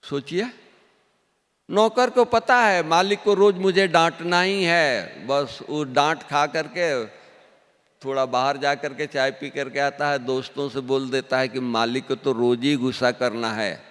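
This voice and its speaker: A man teaching a spiritual discourse in an unhurried, deliberate way, his voice clear and smooth with a fairly high pitch. He keeps putting questions to his listeners and comes back to each point after a pause. The sound rings with a long hall reverb. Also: fairly even intonation, fairly bright tone.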